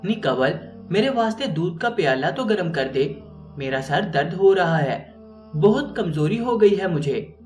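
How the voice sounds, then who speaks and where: A man's voice: high voice, lively intonation, measured pace, a little mellow. A man putting on a bossy old mother-in-law. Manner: ordering, complaining. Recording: roomy, distant mic, faint music.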